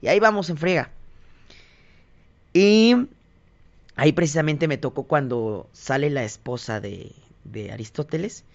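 A man's voice: on the high side, unhurried, pauses often. A young man with a Mexican Spanish accent, telling stories as a podcast guest and acting out other people's lines. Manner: animated, quotes others in lively asides. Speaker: guest, singer and TV reporter. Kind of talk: casual interview storytelling. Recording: dull lo-fi podcast audio.

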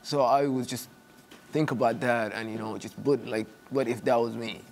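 A young man from Somalia speaks as a guest on a TV studio set, close on a lapel mic. His talk is soft and hesitant, full of "you know" and restarts, at a middling pitch. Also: fairly even intonation, normal speed, vocal fry, slight background noise. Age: young adult. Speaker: actor guest. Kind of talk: studio interview.

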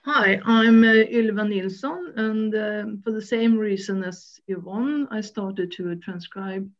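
Female panelist, native Swedish, unhurried delivery, dull video-call sound. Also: medium pitch. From Sweden. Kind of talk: casual self-introduction.

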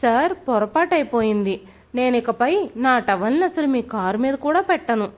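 A meek, poor old man humbly apologizes and begs in an audio storybook, as a woman narrator reads his part. The reading stays high and lively. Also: normal speed, lightly acted. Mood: apologetic. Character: poor elderly man, timid and pleading worker.

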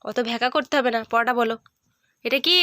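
A woman's voice: on the high side, fairly quick, noisy background. A mother tutoring her young son at home, coaxing and repeating questions, sighing with exasperation and scolding him. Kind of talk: home tutoring a small child.

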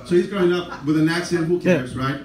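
A man's voice: fairly high pitch, fairly quick, darkish tone. An older man with a Mexican-American accent doing a stand-up set, self-deprecating and rambling, with frequent asides to the crowd. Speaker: stand-up comedian. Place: comedy club stage. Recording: roomy club sound from a distant camera. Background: audience laughter.

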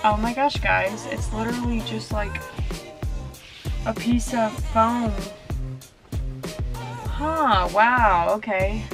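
A woman in her twenties talks straight to camera while she works on fixing up a camper van, chatty and casual in the style of a how-to vlog. Her voice is fairly high and slow, with long pauses and music playing behind her.

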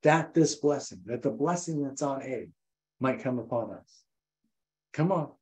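An older man preaching a sermon as pastor, animated and repetitive, acting out voices. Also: a little slow, poor audio. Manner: animated, repeats phrases, acts out voices with rising pitch. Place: church.

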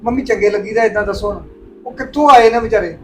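An actor playing a young husband who calmly reasons with his mother. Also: high voice, quick pace, soft background music, natural voice. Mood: placating. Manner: reasoning, placating. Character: calm young husband mediating family. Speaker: husband and son. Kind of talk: family drama acting.

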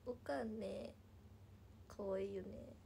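A woman's voice: medium pitch, steady tone, slow pace, vocal fry, mellow, a little hiss or hum. A woman in her twenties from Nagasaki, with a Nagasaki Japanese accent, chatting casually on a livestream, giggling often and dropping into whispers as she answers viewer comments. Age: 20s.

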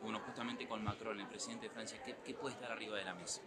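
A male reporter asking halting questions at a press scrum. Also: lowish voice, steady tone. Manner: halting, with fillers and restarts. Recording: loud crowd behind.

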